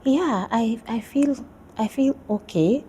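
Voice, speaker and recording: A woman's voice: fairly high pitch, slow pace, dark tone, a little hiss or hum. A woman from Nigeria, a PhD student, talking about her research in a casual interview, friendly and hesitant with many fillers.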